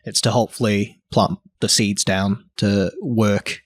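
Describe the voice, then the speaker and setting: A young man from Hong Kong, a guest artist in a casual interview, talking haltingly with many fillers and restarts. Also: on the low side, fairly even intonation, dry recording, studio quality.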